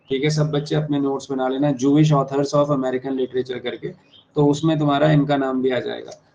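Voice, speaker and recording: Male exam tutor, slightly high flat delivery, dull lo-fi recording with faint hiss. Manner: repeats key terms slowly, spells words out letter by letter. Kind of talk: explaining exam answers to students. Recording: dull lo-fi sound with faint noise.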